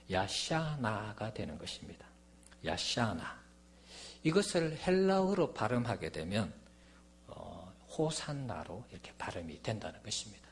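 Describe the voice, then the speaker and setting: A man preaching a sermon as a pastor, reading scripture aloud with rising emphasis. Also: medium pitch.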